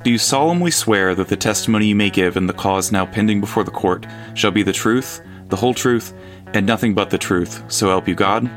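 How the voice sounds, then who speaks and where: Court clerk, played by male actor: lowish voice, fast flat rote procedural delivery, dramatized trial podcast. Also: faint music behind, lightly acted. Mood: brisk, impassive. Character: male court clerk reciting the oath, brisk and impassive. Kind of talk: re-enacted court transcript reading.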